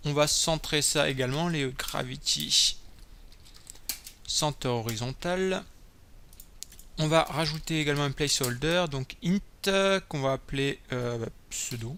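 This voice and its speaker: A man's voice: on the high side, a little slow, bright, forceful tone, slight background noise. A man hosting a screencast coding tutorial, casually thinking aloud as he types and explains each step. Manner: casual, thinking aloud while typing code.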